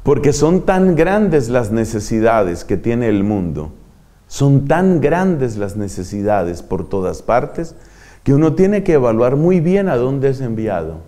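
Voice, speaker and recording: An older man, a friar preaching a sermon in an animated, dramatic way that acts out examples. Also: medium pitch, slow. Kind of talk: sermon to religious.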